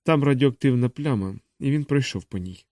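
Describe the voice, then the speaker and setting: A man reading an audiobook and voicing a grave, quiet male doctor in a low, subdued voice. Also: lively intonation, moderate pace, no room sound, studio quality, close to an everyday voice.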